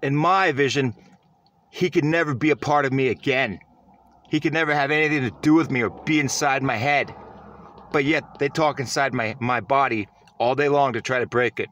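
A man's voice: mid-range voice, moderate pace, fairly bright tone, lo-fi sound, a little hiss or hum. A man giving a self-recorded vlog monologue, earnest and rambling, often restarting his sentences. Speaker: vlogger.

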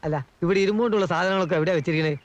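A man's voice: high-pitched, very fast, no room sound, lo-fi sound, close to an everyday voice. An actor playing a fussy, fearful male servant who talks in a comic, gossiping way. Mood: warning. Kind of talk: 1980s film drama.

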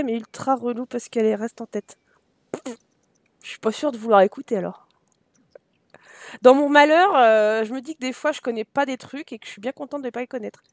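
Woman with a French accent, high voice, dry close sound, chatty live streamer, talks to chat and her game characters. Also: darkish tone, no room sound. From France.

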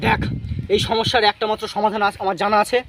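A man's voice: high-pitched, level tone, fast, creaky, noisy background. A young Bengali man acting a fake holy man in a comic village sketch, in a mock-solemn way.

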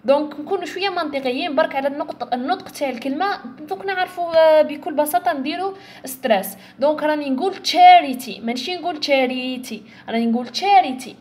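A young woman with an Algerian Arabic accent, explaining an English exam step by step and slowly sounding out English words to show where the stress falls. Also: sits high, a little mellow. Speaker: English tutor. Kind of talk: exam-prep lesson.

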